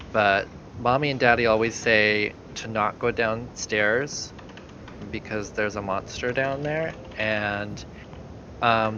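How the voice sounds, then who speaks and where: A man voicing a frightened girl of about eight in a tabletop game, speaking in halting, pleading phrases. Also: medium pitch, pushed and bright, dull audio, a little hiss or hum. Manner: pleading, halting child speech.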